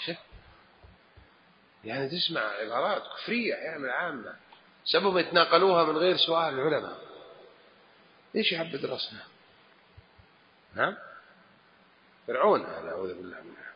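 A man's voice: fairly high pitch, big pitch swings, fast, long pauses. Man teaching in an echoey hall. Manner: emphatic, acts out quoted phrases. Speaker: religious scholar answering questions. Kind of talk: religious lesson. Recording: echoey hall, dull lo-fi, faint hiss.

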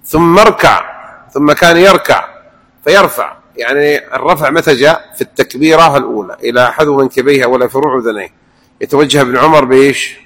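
A man teaching a religious lesson, animated and acting out the recitations he describes. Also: mid-range voice, fast talker, poor audio. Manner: animated, demonstrates recitations aloud. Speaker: preacher.

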